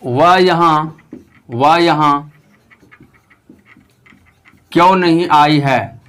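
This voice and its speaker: A young man with a Bihari Hindi accent teaching English grammar online. His voice sits high and rings clean and smooth. He talks patiently, repeating phrases and reassuring students. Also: extremely slow, a bit bright.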